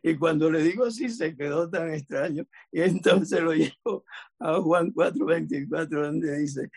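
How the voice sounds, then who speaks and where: A man's voice: a little high, unhurried, creaky, breathy edge. A man from Cuba, casually sharing a testimony with a church group and acting out the dialogue as he retells it. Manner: lively retelling, acts out quoted dialogue.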